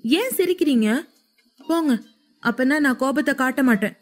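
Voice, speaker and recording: A woman voicing a feisty, quick-tempered young woman who scolds shrilly in a romance audio story. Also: high voice, expressive, darkish tone, pitched above the performer's own voice. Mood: indignant.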